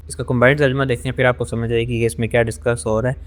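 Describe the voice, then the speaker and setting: A man with a Pakistani accent giving an online Quran lesson. He explains the rules of recitation step by step and slows down to recite verses. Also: medium pitch, level tone. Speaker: Quran teacher.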